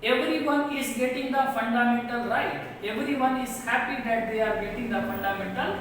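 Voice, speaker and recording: Reading a textbook passage to her students, a teacher with an Indian English accent goes line by line, reading each one and then paraphrasing it in simple words, slowly and repetitively. Her voice is on the high side, and the recording comes from far off in an echoey room with slight background noise.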